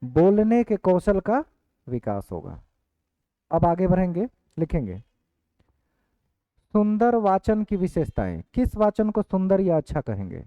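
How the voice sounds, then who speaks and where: A male teacher giving an online exam-prep class, dictating points slowly and repeating each one. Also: sits high, wildly swooping pitch, dark tone, dry recording. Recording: dry, phone-like lo-fi audio.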